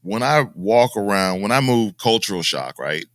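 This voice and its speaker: Deep-voiced american guy rambling on a podcast, dry close sound. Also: lively intonation, moderate pace, a bit bright, no echo. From United States. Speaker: podcast co-host. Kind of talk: casual chat.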